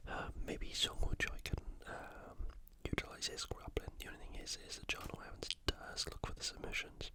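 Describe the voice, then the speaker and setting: This is a British video host doing ASMR, looking ahead to sports. Everything is whispered slowly, with a soft, breathy, hushed quality.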